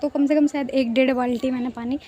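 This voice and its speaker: A young woman talking in a relaxed, chatty way about her home chores, with a somewhat high voice. She speaks in a level, unvaried tone and often loops back over the same point. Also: quick pace, background noise. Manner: chatty, repeats herself, says "ठीक है" often. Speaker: vlogger.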